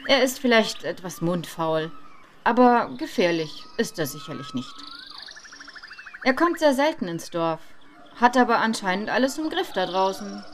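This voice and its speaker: A man's voice: high voice, sing-song, normal speed, a little hiss or hum. A woman voicing a jovial village carpenter who talks in a chatty, amused, reassuring way. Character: jovial village carpenter, middle-aged man.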